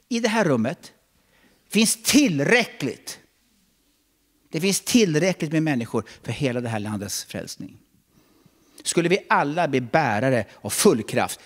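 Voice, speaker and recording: A middle-aged man preaching a sermon in a church, switching between loud calls and hushed asides. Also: mid-range voice. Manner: animated, swings between shouting and hushed asides. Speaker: pastor.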